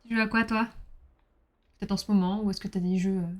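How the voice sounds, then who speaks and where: A woman's voice: medium pitch, steady tone, a little fast, darkish tone. A woman streaming a game, chatting casually with her viewers, reading their messages aloud and bursting into exclamations.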